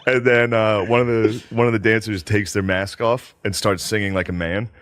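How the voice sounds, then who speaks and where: A man's voice: on the low side, moderate pace, no echo, studio quality. A man hosting a podcast, telling a story in casual chat and laughing through it. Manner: laughs through his stories, animated. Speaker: podcast host.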